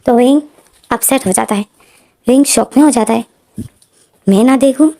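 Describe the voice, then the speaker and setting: A woman retelling a fan-fiction story in a casual, steady, repetitive storytelling manner. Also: fairly high pitch, moderate pace, gravelly. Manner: steady, repetitive storytelling with frequent linking words.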